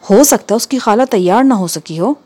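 A woman reading the part of a calm, practical mother who steadies a worried relative and gives orders at home. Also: medium pitch, breathy edge. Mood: reassuring. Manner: soothing yet firm.

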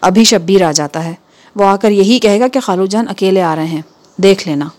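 This is a woman reading the part of a calm, practical mother in a told story. She talks in a steady, reassuring way with a firm edge. She sounds close to the narrator's own voice. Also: mid-range voice, lightly acted. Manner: soothing yet firm.

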